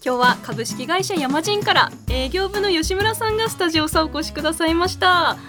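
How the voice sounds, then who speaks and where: A woman's voice: very high voice, brisk, music in the background. A woman with a Tsugaru accent hosting a radio show in a studio, presenting dialect in a chatty style. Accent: Tsugaru (Aomori).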